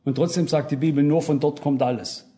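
Man, preacher, high voice, emphatic sermon delivery, direct address. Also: steady tone, a little fast, mellow. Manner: emphatic, rising and dropping for stress, addresses listeners directly.

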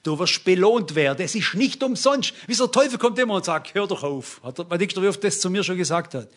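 A man's voice: high-pitched, lively intonation, fast, fairly bright tone. An older man preaching a sermon, emphatic and speaking directly to his congregation.

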